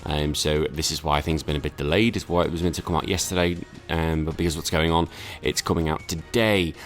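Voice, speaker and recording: A man's voice: very deep voice, fairly even intonation, fast. A tired man recovering from illness, casually commentating a Pokemon battle with lots of fillers and self-corrections.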